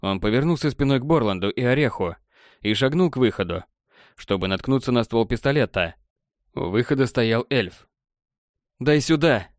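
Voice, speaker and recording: A man narrating an audiobook in an even storytelling manner. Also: medium pitch, moderate pace, no room sound, studio quality. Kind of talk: scripted narration.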